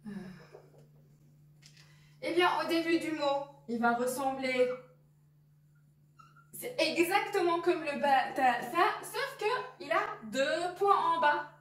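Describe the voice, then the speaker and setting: A woman explains a reading lesson at a slow, patient pace, repeating each sound with examples. Her voice sits fairly high. She sounds set back from the mic in an echoey room. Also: expressive, a bit bright, distant mic. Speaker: Arabic reading teacher.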